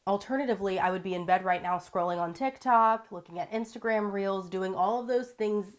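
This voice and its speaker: A woman's voice: mid-range voice, a little fast. A congested, sick woman giving a direct, blunt motivational talk to camera as a vlogger.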